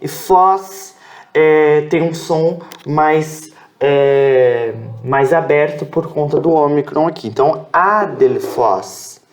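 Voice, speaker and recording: A Brazilian man teaches a beginners' class at a whiteboard, speaking very slowly and patiently in a slightly high voice. He spells out sounds syllable by syllable and checks in with his students often. He corrects himself aloud as he goes. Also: fairly even intonation, darkish tone. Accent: Brazilian Portuguese. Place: improvised room with background noise.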